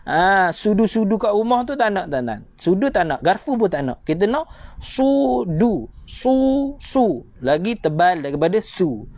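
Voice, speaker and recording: A man with a Malaysian Malay accent teaching Quran reading in a live online lesson, drilling sounds again and again and chanting verses slowly. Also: high-pitched, expressive, no echo. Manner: drills sounds by repeating, addresses viewers as "tuan-tuan".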